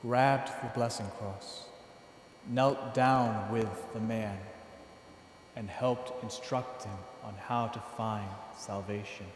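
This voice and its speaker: A man in his thirties, a priest, delivering a sermon from a lectern in a large church, with measured, earnest, emphatic phrasing. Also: on the low side, fairly even intonation, slight background noise. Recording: echoey church hall from a distance.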